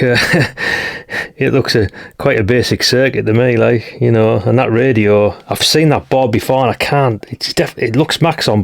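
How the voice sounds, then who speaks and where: A British hobbyist radio channel host gives hands-on teardown commentary, thinking aloud in a casual, rambling, informal way. His voice is lowish and creaky.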